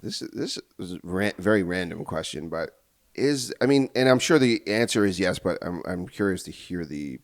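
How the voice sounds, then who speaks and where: A man's voice: low-pitched, animated, moderate pace. A man hosting a podcast, asking long rambling questions with restarts and bursts of enthusiasm. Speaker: podcast host. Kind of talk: casual interview chat.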